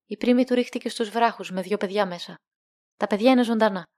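A woman reading the lines of an indifferent male telegraph clerk in a storybook, in a dry, flat way. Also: mid-range voice, no room sound, natural voice.

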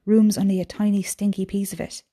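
A woman's voice: mid-range voice, steady tone, a little fast, dark tone, close to an everyday voice. A woman reading the part of a weary, tender young mother, speaking in an earnest, patient way. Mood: longing.

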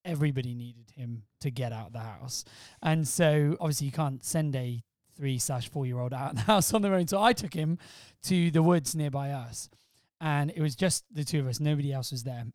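Here the host's husband, a middle-aged man from Wales who insists he lacks a Welsh sound, chats casually on her podcast, teasing and spinning stories. He speaks at a normal rate with a mid-range, darkish voice and barely pauses; the studio recording is dry and clean.

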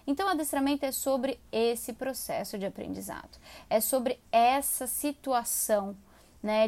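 A woman, a dog trainer explaining commands in a chatty, animated way. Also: on the high side. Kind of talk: casual explanatory talk.

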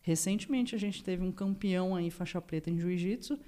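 A woman's voice: fairly low pitch, a little fast. A woman from Brazil, a podcast guest, telling a story in casual chat and acting out the voices of the people in it. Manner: animated, acts out voices in her story.

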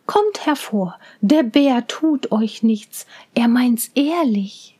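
A woman voicing a kind, caring mother in a fairy tale reading, gentle and soothing. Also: a little high, expressive, slow, husky, full character voice.

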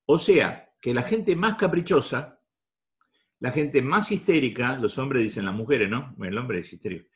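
A man's voice: medium pitch, expressive, normal speed. A man with a Rioplatense Spanish accent giving a repetitive, emphatic talk to a live audience. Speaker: motivational speaker.

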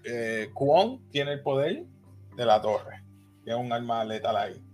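A man, co-hosting a casual anime discussion, talking in an excitable, rambling way and dropping in English words. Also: medium pitch, measured pace, faint music behind. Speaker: co-host.

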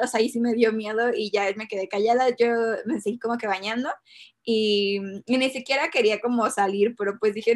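A woman's voice: a little high, a bit bright. Hesitant young Mexican woman. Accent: Mexican Spanish. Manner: hesitant, many fillers and nervous laughs. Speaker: guest telling a personal story. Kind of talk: casual chat.

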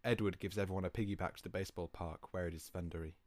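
A man's voice: sits low, steady tone, very fast, a little mellow, no echo. A man narrating a comedy screenplay read with casual, dry asides.

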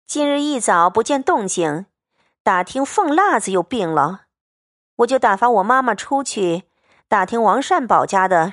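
A woman reading the part of a proud, sharp-tongued young noblewoman who speaks with biting sarcasm in a storybook reading. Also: mid-range voice, no echo, clean studio sound.

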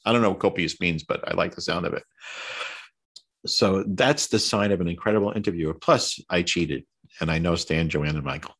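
Deep-voiced Long Island man hosting a podcast. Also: a little fast, a bit bright, husky. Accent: Long Island New York. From Long Island, New York. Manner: jokey, self-mocking, chatty with fillers and restarts. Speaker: podcast host. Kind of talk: casual podcast interview.

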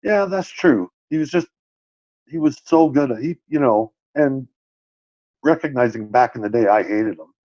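A man's voice: medium pitch, expressive, moderate pace, darkish tone, no echo. A man co-hosting a podcast, chatting casually and agreeably, often restarting his sentences. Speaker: podcast co-host. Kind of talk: casual wrestling chat. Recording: dull, dry lo-fi sound.

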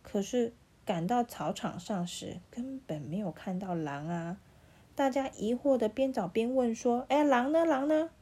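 A woman reading fables aloud at bedtime, gentle and animated. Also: medium pitch, measured pace, husky. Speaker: parent reading bedtime stories.

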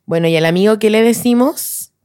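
A woman's voice: mid-range voice, fairly quick, darkish tone, clean tone, dry recording, clean studio sound. A young woman with a Chilean accent, co-hosting a podcast, reacting with short encouraging interjections. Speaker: podcast co-host. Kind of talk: casual chat.

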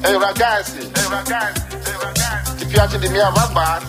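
A man's voice: high voice, normal speed, natural voice. A man putting on a swaggering fake rapper who speaks broken Italian, half singing in a comic jingle. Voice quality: mangled foreign-sounding Italian, half sung. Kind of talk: comic jingle over music. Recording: voice far back in a loud music mix. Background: loud hip hop and reggae beat.

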